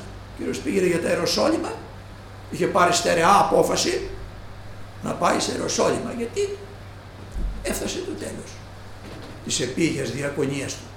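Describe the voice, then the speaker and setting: A man preaching a sermon who slows down and stresses each quoted line of scripture. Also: sits high, sing-song, creaky, slight background noise. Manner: slow, stressed quoting of scripture. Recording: echoey room.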